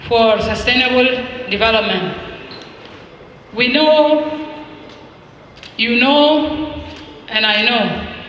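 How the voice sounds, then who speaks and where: A man with a very high, bright voice and a South Sudanese English accent delivers a formal speech from a podium, speaking deliberately and leaning on repetition and rhetorical questions. His slow delivery rings out through a large hall with heavy, long-tailed echo. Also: a little hiss or hum. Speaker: speaker at an expo launch. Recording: echoey hall with long reverb.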